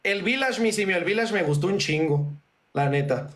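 A man's voice: high voice, animated, normal speed, fairly bright tone. A young Mexican man chatting casually on a livestream, slangy and thanking viewers for gifts. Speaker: streamer.

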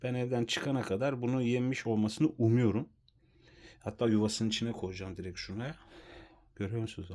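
A young man filming a casual home vlog, scolding and coaxing his pet snake with slangy teasing, sometimes dropping to a soft whisper. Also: lowish voice. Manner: drops to a soft whisper at times. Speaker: vlogger feeding a pet snake. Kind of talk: casual hand-held vlog. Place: at home, indoors.

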